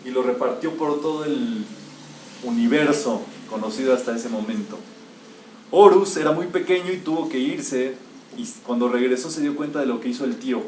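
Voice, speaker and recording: A man with a mid-range, slightly mellow voice speaks at a moderate pace, teaching metaphysics to a live audience. He is emphatic and keeps posing rhetorical questions to the group. The echoey room is captured by a distant mic with a faint hiss.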